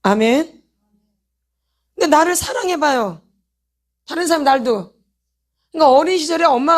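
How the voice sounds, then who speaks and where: A woman, a pastor's wife leading a healing meeting, preaching a sermon and pressing her congregation with repeated rhetorical questions. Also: high voice. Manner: addresses the congregation directly, calls for repentance.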